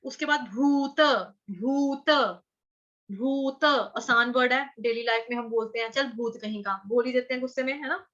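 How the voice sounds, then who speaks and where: High bright lady teaching kids to chant sanskrit, repeats syllables slow, kinda dull lo-fi sound. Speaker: Sanskrit recitation teacher for children. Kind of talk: online chanting lesson, explaining word by word.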